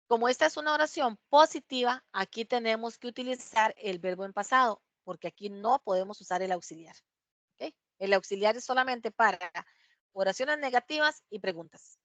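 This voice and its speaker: A woman's voice: fairly high pitch, fairly bright tone, no echo. A woman teacher explaining English past tense rules in a patient way, checking in often with her students. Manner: drills English words slowly, one by one. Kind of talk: online class explanation.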